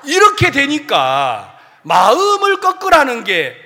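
A man preaching a sermon as pastor, animated and humorous, acting out the voices of churchgoers. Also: extremely high pitch, slow. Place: church sanctuary. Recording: long hall reverb.

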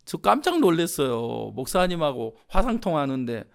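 Man, middle-aged pastor, sermon, high voice, lively storytelling. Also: normal speed, creaky. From Jeolla, Korea. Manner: animated storytelling, acting out voices.

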